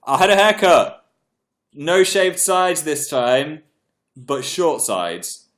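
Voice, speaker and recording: A young man on a livestream talks slowly in a fairly high, fairly bright voice that is very animated. Congested and clearing his throat, he keeps up a chatty, self-mocking patter as he reads viewer comments aloud.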